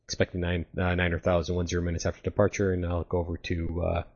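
Pilot over the radio: a man with a very deep voice, muffled transmission, halting with fillers. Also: monotone, a little mellow. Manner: halting, with many fillers and self-corrections. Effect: pilot heard over the aircraft radio. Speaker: private pilot. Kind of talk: radio calls to air traffic control.

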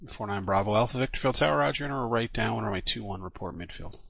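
Gravelly, bright-edged male air traffic controller. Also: lowish voice, fast, dry recording. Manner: clipped, official phraseology. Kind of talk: procedural radio instructions.

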